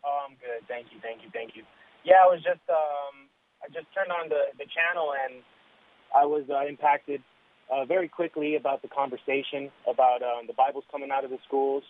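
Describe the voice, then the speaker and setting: A young man in his late twenties phones in to a talk radio show over a thin, tinny line. His voice is mid-pitched, and he speaks in a halting, reflective way, stopping and restarting often. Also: steady tone. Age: 20s. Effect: calling in over a phone line. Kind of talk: casual chat.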